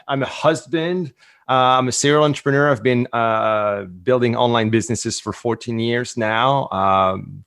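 A man with a Quebec French accent, whose first language is French, speaks casually as a guest. His voice sits at a middle pitch and he restarts phrases informally as he goes. The sound is dry, with no room echo. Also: a bit bright. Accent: French Canadian (Quebec French). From French-speaking Canada. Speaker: interview guest, entrepreneur. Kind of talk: casual interview talk.

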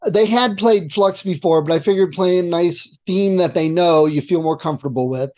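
A man co-hosting a casual talk show, telling an animated story and laughing often. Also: high-pitched, moderate pace, slight background noise. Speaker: podcast co-host.

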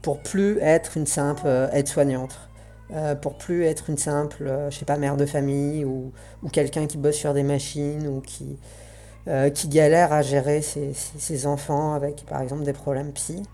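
A woman's voice: low voice, level tone, normal speed, warm tone. A woman talking through a voice changer, giving an earnest, reflective spoken essay on roleplaying games and searching for her words.

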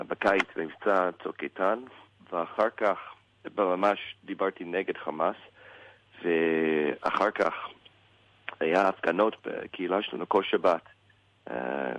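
A man with an American English accent in Hebrew, a native English speaker, answers a radio interview as a rabbi, haltingly searching for words. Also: low-pitched, a bit bright, dry recording, low-quality recording.

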